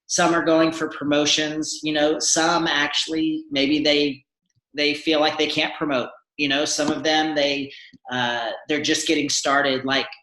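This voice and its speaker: A man's voice: on the high side, pushed and bright, echoey room, low-quality recording. A man hosting a live video panel, encouraging and rambling, with frequent restarts. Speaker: host.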